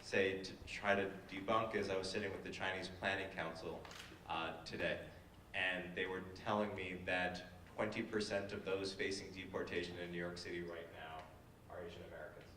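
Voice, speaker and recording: A man's voice: sits low, level tone, moderate pace, sharp tone, distant mic, slight background noise. A man speaking on a panel discussion, hesitant with many fillers and restarts. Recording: echoey hall, voice from afar.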